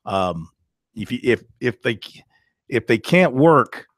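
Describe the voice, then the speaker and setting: A man's voice: mid-range voice, sing-song, slow pace, no room sound, studio quality. A man in his thirties hosting a sports talk show, emphatic and ranting, laughing easily. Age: 30s. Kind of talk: opinionated sports talk radio.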